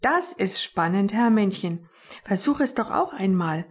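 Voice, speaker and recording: A woman's voice: medium pitch, very animated, unhurried, slightly rough. Woman playing Achtstein, a cheeky boastful sparrow boy. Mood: daring. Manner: boastful, teasing. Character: cheeky daring young male sparrow.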